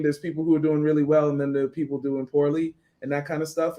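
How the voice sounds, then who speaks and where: A man chats casually on a live stream, his voice sitting a touch high. He rambles through his points with restarts and repeated check-ins with the listener. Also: darkish tone. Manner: rambling, restarts, frequent "you know what I mean".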